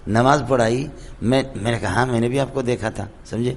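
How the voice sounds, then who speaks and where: Man, hoarse, Quran teacher, commentary lecture, storytelling, checks on listeners, mid pitch. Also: a little hiss or hum. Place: madrasa lecture hall.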